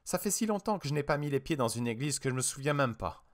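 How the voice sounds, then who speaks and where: Male reader as a stubborn husband, blunt, mid-pitched, lively, audiobook. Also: fast talker, lightly acted. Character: stubborn, tense husband, a driver. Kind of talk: audiobook character voice.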